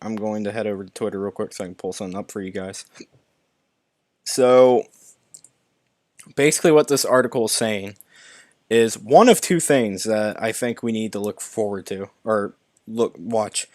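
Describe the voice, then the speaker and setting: A man's voice: fairly low pitch, steady tone, normal speed, long pauses, a little mellow, no echo, studio quality. A young man hosting a live stream, reading movie news articles aloud and commenting, often stumbling and restarting words. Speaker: YouTube movie news host.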